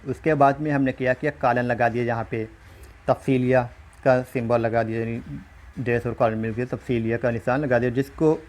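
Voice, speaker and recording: Writing on a screen as he's recorded, a man teaches an online exam-prep class in a medium-pitched, slightly mellow voice. He works through things step by step and frequently checks on his listeners.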